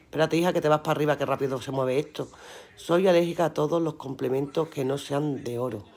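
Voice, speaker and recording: A woman's voice: sits low, fast talker, a little mellow. Brief: woman, live-stream seller, chatty and earthy, swears casually, laughs a lot. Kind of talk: casual live-stream chat reading viewer comments aloud.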